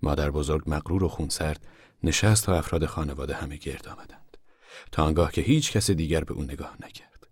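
A man narrating a novel as an audiobook in a soft, hushed, measured reading. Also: very deep voice, husky, dry recording, clean studio sound.

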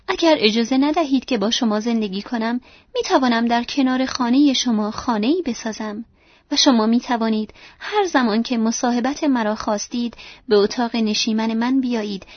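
A woman's voice: fairly high pitch, no echo, lightly acted. Woman reading as a devoted young heroine. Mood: earnest. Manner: earnest, reassuring. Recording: dry, dull lo-fi audio.

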